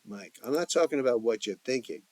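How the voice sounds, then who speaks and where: A man voicing a calm, reasoning middle-aged man who lectures the others in an audio story. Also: medium pitch, fairly quick, dry recording, natural voice. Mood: lecturing.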